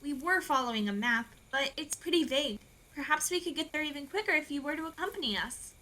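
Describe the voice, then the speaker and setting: A woman's voice: high voice, expressive, fast talker, bright, forceful tone. A woman voicing a polite, sensible young animal friend who speaks courteously.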